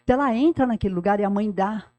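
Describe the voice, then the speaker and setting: Fast-talking São woman, low warm voice. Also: no room sound, soft background music. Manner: animated storytelling, talks to the listener directly. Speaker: guest, former school director. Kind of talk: casual podcast interview.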